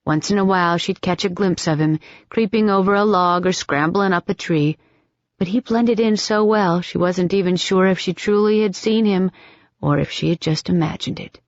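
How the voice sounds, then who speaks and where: A woman narrating an audiobook in an even, steady storytelling manner. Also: lowish voice, normal speed, no echo. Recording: dull, dry audiobook recording.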